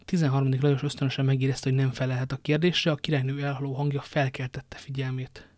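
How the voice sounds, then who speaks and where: A man narrating an audiobook in a measured storytelling manner. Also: mid-range voice, level tone, a little mellow, no echo. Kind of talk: audiobook reading.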